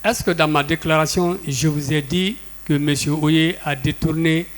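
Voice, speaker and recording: A trade union leader testifying in a courtroom, insistent and combative, slightly out of breath. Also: male voice, on the high side, steady tone, moderate pace. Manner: insistent, combative, talks over questions.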